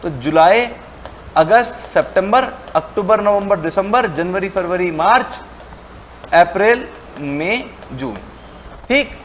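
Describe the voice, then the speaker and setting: A man teaching a commerce class, speaking casually and mixing English terms into his speech. He acts out both sides of the lesson, switching his pitch to play the student's questions and then answering them himself. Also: expressive, slow, fairly bright tone, slight background noise. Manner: colloquial, mixes Hindi with English terms. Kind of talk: lecture with role-played dialogue.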